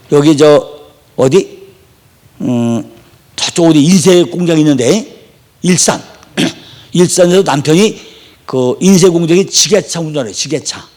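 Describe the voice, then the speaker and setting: Animated, high-pitched man preaching a sermon. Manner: animated, swings between high exclamations and low asides, chatty. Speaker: Bible teacher preaching.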